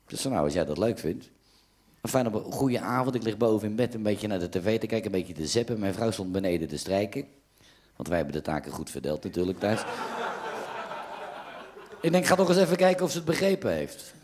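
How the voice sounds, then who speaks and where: A man's voice: fairly low pitch, a little fast. A man with a Dutch accent telling jokes as a stand-up comedian, raising his voice whenever he quotes someone. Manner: lively storyteller who raises his voice for quoted lines. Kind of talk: joke telling.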